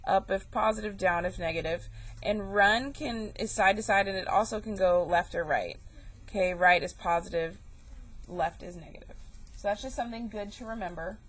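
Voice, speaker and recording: A woman's voice: medium pitch, moderate pace, husky, poor audio. A young woman teaching a math class, chatty and joking, calling her students y'all. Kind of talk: recorded classroom lesson.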